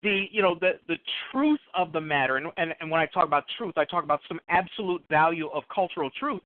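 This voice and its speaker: A man on a radio talk show panel who speaks haltingly, restarting with repeated words. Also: a little high, lively intonation, dry recording. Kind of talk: casual panel discussion. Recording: tinny phone line, dry.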